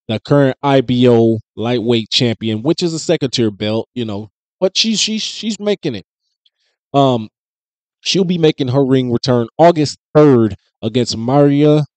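A man's voice: medium pitch, no echo. Man hosting casual boxing commentary, dry close mic. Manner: conversational, animated, with frequent fillers and restarts. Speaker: host. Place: small home studio indoors. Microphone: studio mic on boom close to mouth.

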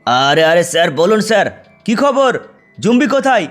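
A man's voice: high-pitched, sing-song, normal speed, a bit bright, soft background music. A man voicing a timid male police constable reporting nervously to his boss in a game video. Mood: flustered. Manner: deferential, flustered.

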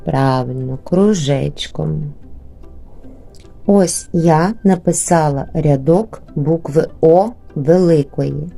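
A woman teaching young children in a remote lesson, patient and slow, stretching out words syllable by syllable, with a Ukrainian accent. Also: low voice, creaky, mellow, faint music behind. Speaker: primary school teacher.

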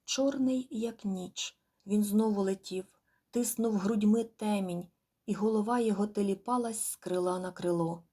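A woman narrating an audiobook in a measured, quiet, expressive storytelling manner. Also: medium pitch, slightly rough. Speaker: audiobook reader. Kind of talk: scripted narration.

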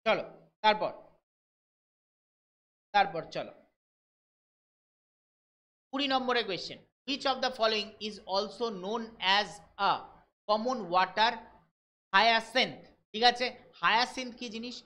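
A man from West Bengal teaching a live online exam-prep class, reading English questions out slowly and explaining them briskly while checking in with his students. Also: high voice, bright, forceful tone. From West Bengal, India. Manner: brisk, keeps checking in with listeners.

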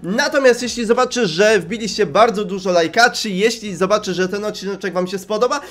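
A young man who runs a gaming YouTube channel offers casual let's-play commentary in a high-pitched, brisk, fairly bright voice. He's playful and jokey, chatting directly to his viewers.

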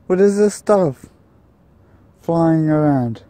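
A man with a slightly high, mellow voice films a ghost-hunting vlog outdoors near a tunnel. He talks slowly and nervously into his handheld camera mic, breaking into jumpy exclamations. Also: lively intonation, dry recording. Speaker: vlogger.

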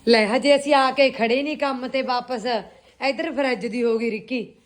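A woman's voice: high-pitched, fairly even intonation, normal speed. A woman with a Punjabi accent chatting casually and familiarly as a vlogger, to viewers and companions alike. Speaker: vlogger and boutique owner. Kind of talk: casual vlog chat.

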